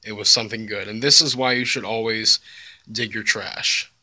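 A young man with a fairly low, bright, forceful voice talks casually at normal speed with fairly even intonation, vlogging as a treasure hunter. Out on a lawn and river water, he is recorded with noisy outdoor handheld camera audio that has no room sound.

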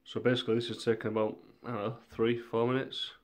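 A man with a cold talking through a screen tutorial in a monotone, laid-back way. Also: mid-range voice, fast talker. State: has a cold. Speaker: tutorial maker.

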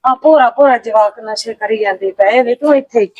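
A woman's voice: a little high, normal speed, a little mellow, highs cut off, natural voice. A woman playing a worried, lecturing village mother. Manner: earnest, lecturing. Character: worried village mother warning her son. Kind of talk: village short-film acting.

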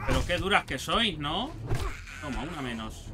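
A young man with a Spain Spanish accent giving excitable let's play commentary, talking to himself and the game and swearing casually. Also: fairly high pitch, normal speed, background noise. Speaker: gaming channel host.

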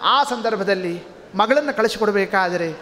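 A man, giving an animated storytelling sermon and putting questions to the audience. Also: sits high, normal speed. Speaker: religious discourse speaker. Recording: long hall reverb.

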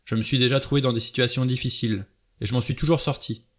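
A man's voice: mid-range voice, steady tone, fast talker, natural voice. A man voicing a cool, self-assured adventurer who teases his companion in an audiobook. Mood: mocking.

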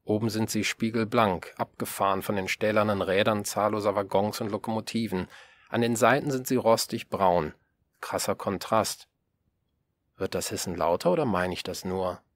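Low-voiced man narrating a story. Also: fairly even intonation, moderate pace. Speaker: audiobook reader. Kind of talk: first-person narration.

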